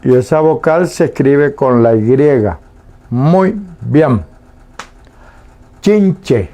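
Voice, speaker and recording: A man teaching a language lesson on the radio, saying each word slowly and repeating it twice with pauses. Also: mid-range voice, animated, mellow. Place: radio studio.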